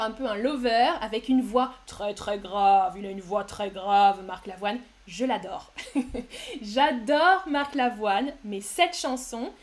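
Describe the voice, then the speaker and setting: A woman teaching on a casual live stream, talking slowly and clearly with many pauses and fillers. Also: fairly high pitch. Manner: slow and clear, with many "euh" fillers, sings song excerpts. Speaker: French teacher streaming to learners.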